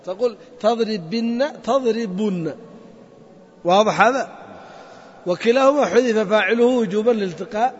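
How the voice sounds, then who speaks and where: A man's voice: sits high, moderate pace, long pauses, a little hiss or hum. A man teaching a grammar lesson to a class, methodically repeating points and quizzing his students. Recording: dull lo-fi sound in a reverberant hall.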